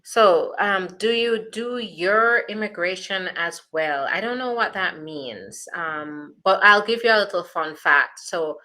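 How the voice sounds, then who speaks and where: A Jamaican-accented immigration attorney reads out viewer questions during a live Q&A, reassuring people and using lots of fillers. Her mid-range voice is pushed and bright, a little slow, with few pauses.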